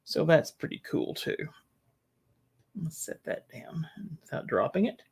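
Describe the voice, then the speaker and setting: A man's voice: on the high side, lively intonation, a little slow, creaky, slightly rough. A pastor talking casually to his livestream Bible study from a small church room, rambling a little with restarts. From United States. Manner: chatty and rambling, with restarts and laughs.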